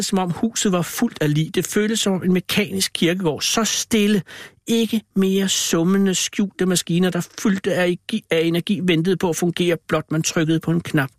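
A man's voice: sits high, dry recording, studio quality, natural voice. A man voicing a male ape who tells a spooky story with dramatic, theatrical reading.

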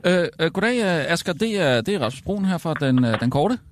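A man's voice: on the high side, big pitch swings. A man hosting a comic radio show, reacting with disbelief and firing off short, pressing questions. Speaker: host.

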